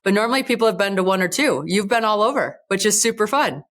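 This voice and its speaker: A woman's voice: mid-range voice, lively intonation, quick pace, a bit bright. A woman hosting a podcast interview, upbeat and enthusiastic in casual chat. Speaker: podcast host.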